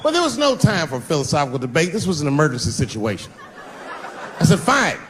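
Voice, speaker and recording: A man's voice: a little high, huge pitch swings, fast. A man doing a stand-up comedy set at a live show, telling a story and acting out the voices of the people in it. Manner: storytelling, acts out quoted voices. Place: live venue with laughing audience. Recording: live show, faint background noise, laughter. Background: audience laughter.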